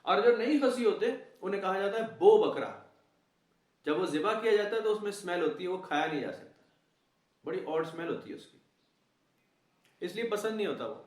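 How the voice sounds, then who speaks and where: A man with a fairly high voice gives an informal lesson on scripture. He talks animatedly and mixes in English words. The recording is roomy and distant, as if the mic sits far from him. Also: expressive, long pauses. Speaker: Quran lecturer. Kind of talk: conversational Quran lesson.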